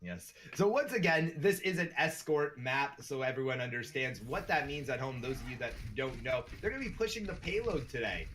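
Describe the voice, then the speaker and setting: A Canadian man doing play-by-play for an esports match, with a bright, forceful tone. He is chatty and upbeat and laughs easily. A faint hiss sits under his voice. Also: medium pitch, a little fast, hardly any pauses. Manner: upbeat, chatty, laughs often, rising excitement on big plays. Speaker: esports caster.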